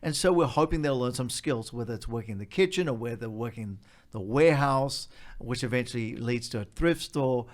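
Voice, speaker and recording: A man with an Australian accent speaks as an organization leader being interviewed. His voice sits at an average male pitch. He explains in an orderly way, step by step, and repeats key points for emphasis. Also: a little fast, hardly any pauses.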